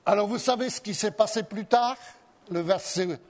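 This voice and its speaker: A man's voice: high voice, normal speed. A man preaching a sermon. He talks in a hesitant way, often loses his place and repeats himself. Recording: long reverb of a large hall.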